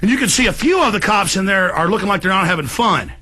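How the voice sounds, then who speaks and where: A man hosting a talk show, delivering an indignant, vehement political rant that builds toward yelling. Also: high voice, animated, fast talker.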